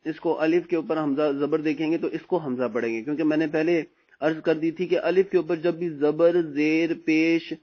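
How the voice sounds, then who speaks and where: A man's voice: on the high side, fairly even intonation. Patient male Quran teacher, lo-fi recording. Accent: Pakistani Urdu. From Pakistan. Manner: slow, drawn-out recitation of letter sounds between explanations; patient, repeats "theek hai" often. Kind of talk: recorded lesson on braille Quran reading. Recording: dull lo-fi recording.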